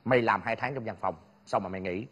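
A man's voice: fairly low pitch, fast, a bit bright. An actor playing a touchy young male delivery worker who bickers and accuses in a comic TV skit. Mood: explaining.

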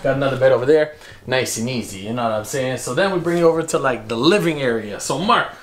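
A man's voice: medium pitch, fast talker. A young man giving a casual house tour in a vlog, walking from room to room and talking in laid-back slangy banter on a camera mic. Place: rooms of a house, indoors.

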